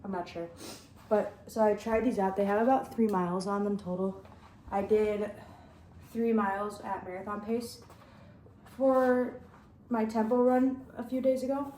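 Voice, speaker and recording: A young woman talks through her day in a loose, upbeat vlog ramble while chewing gum. Her voice sits at an ordinary middle pitch. The recording carries a noticeable room echo and a faint hum underneath. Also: fairly even intonation, unhurried, pauses often, mellow. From Upper Midwest. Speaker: running vlogger. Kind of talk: casual vlog chat.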